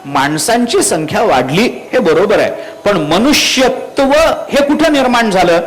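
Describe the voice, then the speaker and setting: High-voiced Marathwada kirtan preacher. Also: male voice, sing-song, measured pace, poor audio. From Marathwada, India. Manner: rhetorical questions to the crowd; quotes Sanskrit verses. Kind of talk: devotional kirtan discourse.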